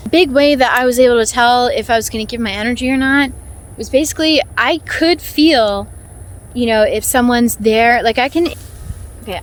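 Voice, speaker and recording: Higher-voiced American woman chatting on a hike. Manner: talking while walking on a hike; informal, chatty, with little chuckles. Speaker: vlog host. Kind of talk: casual chat to camera. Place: outdoors on a hiking trail. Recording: outdoor ambient noise.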